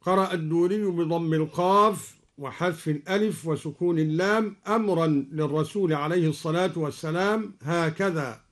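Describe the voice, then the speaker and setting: A man from Egypt giving a radio lesson on recitation variants, calmly explaining each point and then chanting the verse slowly and melodically. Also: a little high. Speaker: Quran recitation teacher.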